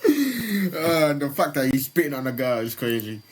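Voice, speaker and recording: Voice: medium pitch, big pitch swings, moderate pace, slight background noise. A host giving casual reaction commentary in slang, breaking into mock-formal rants.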